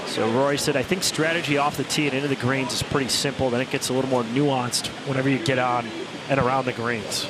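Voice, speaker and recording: A man's voice: mid-range voice, fairly even intonation, fast talker, few pauses, noisy background. A man hosting as a golf commentator, delivering polished, concise broadcast announcing. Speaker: golf commentator, play-by-play host. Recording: loud music under the broadcast.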